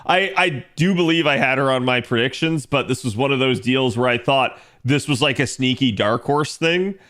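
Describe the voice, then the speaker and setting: A male streamer with an ordinary mid-pitched voice talks through a game analysis in a relaxed, conversational way. He addresses his viewers directly as he goes. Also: normal speed.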